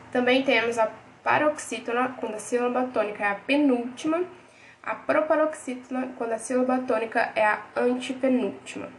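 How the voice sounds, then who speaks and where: A woman, reading grammar lesson notes as a teacher in a steady, list-like way. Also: fairly high pitch, slight background noise, poor audio.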